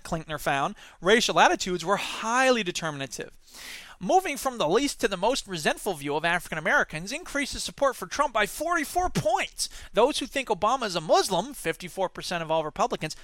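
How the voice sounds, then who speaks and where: A man's voice: sits high, sing-song, brisk, pushed and bright, dry recording, studio quality. A man hosting a podcast, giving emphatic, exasperated political commentary. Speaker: podcast host.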